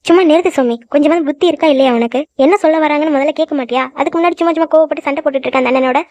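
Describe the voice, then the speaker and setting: A woman's voice: high-pitched, rapid-fire, darkish tone, dry recording, natural voice. A woman voicing a hot-tempered young woman in a cartoon who lectures her friends at length. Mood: scolding. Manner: scolding, lecturing, then frightened. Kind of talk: cartoon voice acting. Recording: dull lo-fi dry recording.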